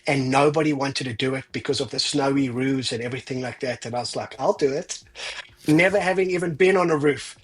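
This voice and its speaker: A man in his forties with a South African accent, a ranch founder appearing as a podcast guest, tells his life story in a casual interview. His medium-pitched voice is slightly rough and fairly quick, and he laughs at his own stories with self-deprecating humor.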